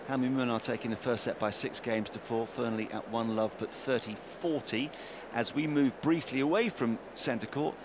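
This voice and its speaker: A man calling a tennis match live, chatty and lively, his voice climbing as the rallies build. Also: noisy background. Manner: chatty, lively, rises in pitch with the play. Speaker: tennis commentator. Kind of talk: live sports commentary.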